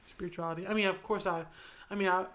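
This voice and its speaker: A woman's voice: fairly low pitch, fairly even intonation, quick pace, fairly bright tone. A woman in her twenties co-hosting a casual podcast, rambling with many "like" fillers. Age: 20s. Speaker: podcast co-host. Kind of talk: casual chat.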